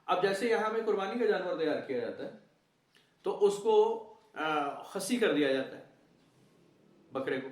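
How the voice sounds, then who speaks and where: A man's voice: high voice, animated, long pauses. A man teaching a conversational lesson on a chapter of the Quran, talking animatedly, mixing in English words and mimicking people's reactions. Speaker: Quran lecturer. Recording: roomy, distant mic.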